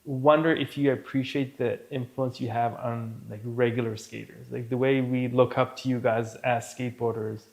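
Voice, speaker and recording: A man interviewing a guest, asking questions in a halting way and searching for words. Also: medium pitch, flat delivery, creaky, a little mellow, low-quality recording.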